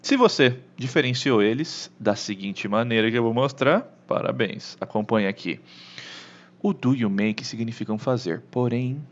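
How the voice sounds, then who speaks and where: A man with a Brazilian Portuguese accent teaching an English lesson online, animated, often checking in with the listener. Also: medium pitch, moderate pace, lo-fi sound.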